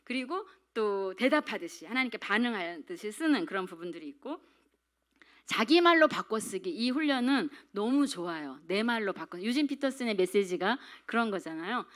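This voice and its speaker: A woman's voice: mid-range voice, animated, normal speed, fairly bright tone. A middle-aged woman giving a chatty talk on devotional Bible study at a prayer meeting, acting out little quotes and putting questions to the room. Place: church hall.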